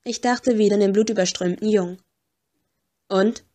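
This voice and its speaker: A woman reading first-person audiobook narration, measured and expressive. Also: medium pitch. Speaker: audiobook reader.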